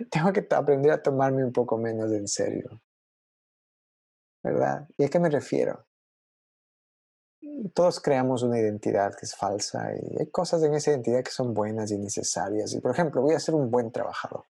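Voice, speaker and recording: Male preacher, young adult, husky and gravelly, expressive conversational sermon, dry recording. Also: mid-range voice, moderate pace, pauses often, no echo.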